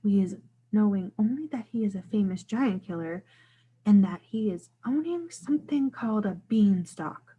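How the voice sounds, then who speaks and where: A woman voicing a gentle, cautious male storybook giant who speaks quietly and earnestly in quaint garbled grammar. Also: mid-range voice, lively intonation, moderate pace, husky, poor audio. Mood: hushed explaining. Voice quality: hushed.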